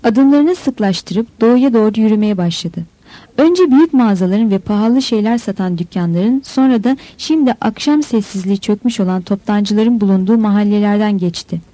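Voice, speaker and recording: A woman giving a steady, descriptive audiobook narration. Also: fairly high pitch, no echo, poor audio. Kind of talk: scripted narration.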